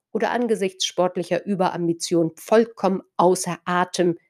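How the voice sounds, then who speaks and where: A woman's voice: medium pitch, darkish tone. A woman from northern Germany delivering a reflective spoken essay, thoughtful and playful with words, addressing her listeners directly.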